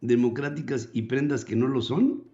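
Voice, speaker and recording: An older man hosting a radio talk show, reflective and drawn-out, with frequent restarts. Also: medium pitch, dark tone, soft background music. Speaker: radio host. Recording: muffled lo-fi broadcast audio.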